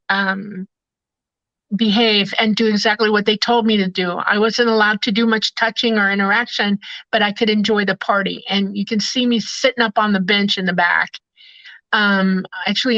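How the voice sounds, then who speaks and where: A woman whose first language is Swedish tells her story earnestly as a guest on a casual video call, with hesitant restarts. Her voice is medium in pitch and fairly bright. There's no room sound, and the high frequencies are cut off.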